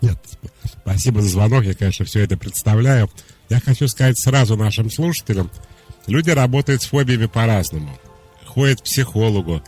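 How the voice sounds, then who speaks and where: Low-pitched guy on a call-in radio show, calm explainer, faint music underneath. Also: brisk. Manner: calm, explanatory, direct advice. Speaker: radio psychologist host.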